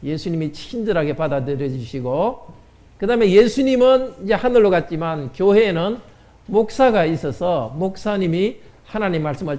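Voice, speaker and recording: A man's voice: fairly high pitch, warm tone. A man pastor giving a children's sermon in church, asking the children questions and answering them. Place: church sanctuary.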